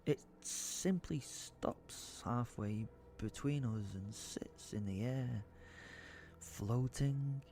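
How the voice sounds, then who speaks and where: A man with a medium-pitched, warm voice speaks extremely slowly, with a little hiss or hum, narrating theatrical first-person audio drama as a werewolf telling his own story. The character is brooding, exasperated, foul-mouthed, and seething with helpless rage, while the mood is bemused.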